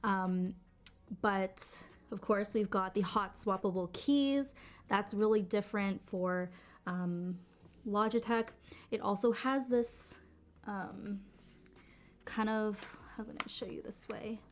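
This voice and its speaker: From her home basement studio, a chatty woman live-streams a loose, rambling keyboard demo, speaking slowly in a steady tone. Being sick makes her voice a bit deeper than usual, and she's full of "um"s and "like"s and restarted sentences.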